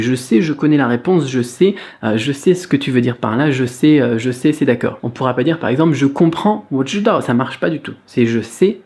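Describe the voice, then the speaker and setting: A man gives a casual video lesson in a mid-pitched voice. He speaks in a chatty, loose way with plenty of fillers, and he draws out syllables slowly when he shows the tones. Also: a little mellow. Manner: slow, drawn-out syllables when demonstrating tones. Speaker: Mandarin teacher.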